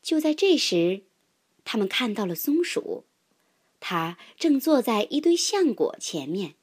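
A woman narrating a children's story in an expressive storytelling manner. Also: fairly high pitch, measured pace, slightly rough.

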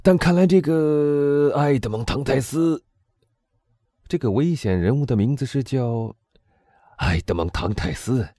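A man voicing an excitable middle-aged prison inspector, talking loudly and eagerly in an audiobook. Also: mid-range voice, measured pace, no room sound, clean studio sound, voice pushed up. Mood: talkative. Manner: loud, eager, exclaiming. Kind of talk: audiobook dialogue reading.

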